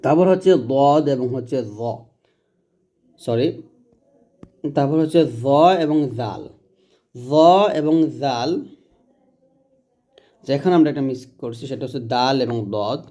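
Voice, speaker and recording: A man teaching Quranic letter pronunciation in a patient, repetitive way, drawing out each sound slowly to demonstrate it. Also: medium pitch, warm tone. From Bangladesh. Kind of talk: recitation lesson.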